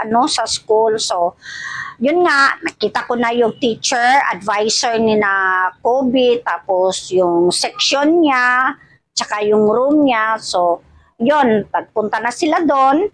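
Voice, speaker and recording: A Filipino woman with missing front teeth chatting casually to her vlog viewers, halting and often repeating her words. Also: fairly high pitch, dry recording, rough recording. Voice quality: speech of someone with missing front teeth, wearing old dentures. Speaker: vlogger. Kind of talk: casual rambling vlog chat addressed to viewers.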